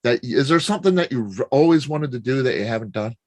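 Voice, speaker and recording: Casual: guy hosting an interview, kinda halting, average pitch, dry mic. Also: expressive, dry recording. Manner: halting, searching for words. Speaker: interview host.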